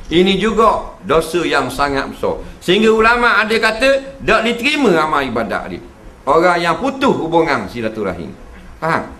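A man's voice: fairly high pitch, big pitch swings, moderate pace, pushed and bright. A man giving a humorous religious lecture to an audience. He keeps checking in with his listeners and acts out the voices he quotes. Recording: echoey hall recording.

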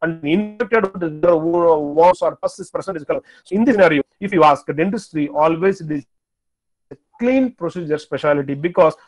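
A man's voice: a little high, normal speed. A middle-aged man with a South Indian Tamil accent lecturing in a webinar, asking and answering his own questions over a video call. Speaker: dental lecturer. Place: small room indoors, on a video call. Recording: dull lo-fi video call audio.

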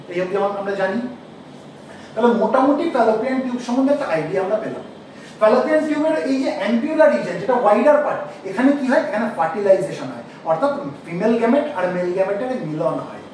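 High-voiced man lecturing in an echoey room. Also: darkish tone, slight background noise. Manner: asks the class questions and repeats key terms slowly. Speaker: teacher. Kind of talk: classroom lecture. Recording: echoey room, mic far off.

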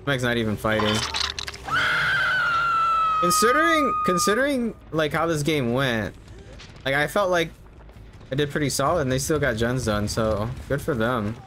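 A man in his thirties narrates his own gameplay in an easygoing, casual way, thinking aloud as he goes. His pitch sits in an ordinary male range, and game ambience is clearly audible behind him. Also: normal speed. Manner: easygoing, musing to himself as he plays. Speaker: game streamer. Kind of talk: casual live gameplay commentary. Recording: clear background game noise.

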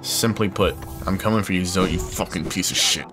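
A man swears his way through a game with exasperated, comic rants. His voice sits low, and clear game music plays behind him. He riffs casually to his viewers. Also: fairly quick. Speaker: gamer playing through a game. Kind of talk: casual let's play commentary.

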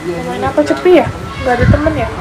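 A woman's voice: high-pitched, fast, music in the background, rough recording. A woman on a phone live stream, chatting and teasing, then coaxing and soothing a small child. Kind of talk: casual live-stream chat.

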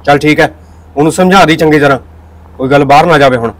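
A man playing an older, secretive village father in a short film, talking calm and gruff. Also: fairly high pitch, fast talker, lightly acted, rough recording. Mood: scheming. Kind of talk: Punjabi short film acting.

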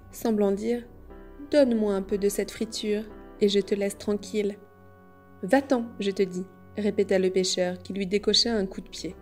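Mellow woman reading a children's story. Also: mid-range voice. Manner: measured storytelling. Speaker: audiobook reader. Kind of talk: scripted narration.

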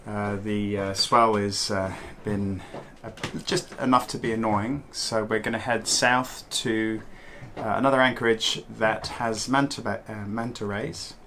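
A halting, bright-voiced man on a boat. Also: lowish voice, fairly even intonation, a little hiss or hum. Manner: halting, many uh fillers. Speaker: sailing vlog co-host. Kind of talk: casual vlog narration to camera. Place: catamaran saloon, indoors.

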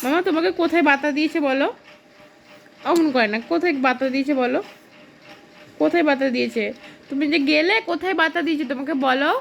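A woman's voice: sits high, fast talker, creaky, pauses often, a bit bright, slight background noise. A young woman at home, playfully coaxing and questioning her toddler in sing-song baby talk. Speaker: mother filming her toddler.

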